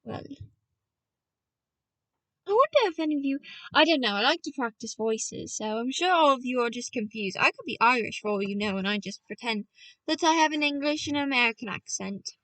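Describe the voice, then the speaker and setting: An audiobook reader with a high, slightly bright voice reads a novel fairly quickly and with lively intonation, frequently interrupting herself to talk playfully to her listeners and doing voices. It's a low-quality, dry recording made from a distance.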